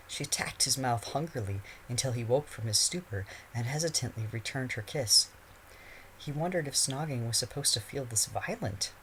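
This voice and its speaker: A man's voice: mid-range voice, fairly bright tone, a little hiss or hum, rough recording. Man reading a fan story aloud. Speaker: narrator.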